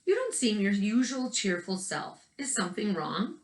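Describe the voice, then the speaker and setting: A woman's voice: medium pitch, very animated, normal speed, voice pushed up, natural voice. A kindly old uncle porcupine from a storybook, played by a woman, encouraging and emphatic in his reassurance. The sound is roomy and echoing. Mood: friendly, concerned. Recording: roomy, echoing indoor recording.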